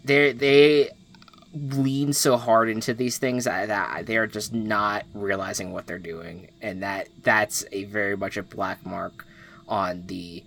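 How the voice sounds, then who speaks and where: Male co-host, low but bright-toned, blunt and crude. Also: steady tone, takes it slowly, creaky. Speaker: podcast co-host. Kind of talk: casual podcast chat.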